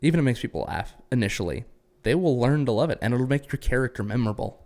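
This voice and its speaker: Man with a lively, bouncing pitch. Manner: agreeable, lots of quick yeahs, lively pitch. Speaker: podcast host. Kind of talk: casual podcast chat.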